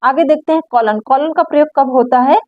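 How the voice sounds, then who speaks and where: A woman teaching a grammar lesson, explaining slowly and repeating words for her viewers. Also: high voice, no room sound. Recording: dry, dull lo-fi recording.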